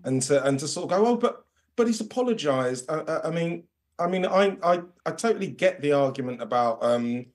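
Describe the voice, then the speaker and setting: A man joining a TV discussion as a guest on a remote link, earnest and halting, often restarting his sentences. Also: on the high side. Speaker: councillor and activist guest. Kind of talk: live remote interview.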